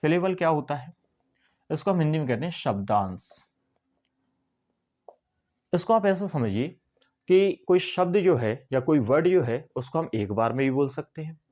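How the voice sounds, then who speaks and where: Male teacher explaining slowly. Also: mid-range voice, darkish tone. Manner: slow, explaining step by step, drawing out syllables. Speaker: English teacher. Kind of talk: whiteboard lesson.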